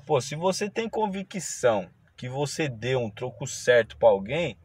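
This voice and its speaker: A man's voice: medium pitch, sing-song, breathy edge. Preachy man. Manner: moralizing, preachy, slow and drawn out. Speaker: ride-hailing driver. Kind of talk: casual storytelling vlog.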